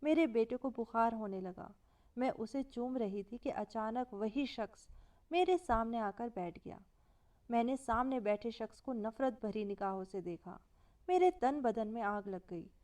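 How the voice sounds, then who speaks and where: Storyteller: a woman narrating a sad family tale, higher voice set back from the mic, does all the quoted lines herself. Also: lively intonation, unhurried, darkish tone, distant mic. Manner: quotes every speaker in her own voice. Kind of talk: first-person story narration.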